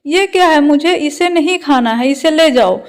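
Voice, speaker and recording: A woman's voice: sits high, fairly even intonation, a little slow, a little mellow. Woman voicing a scolding old mother-in-law. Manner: scolding, sarcastic. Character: sharp-tongued older mother-in-law, scolding.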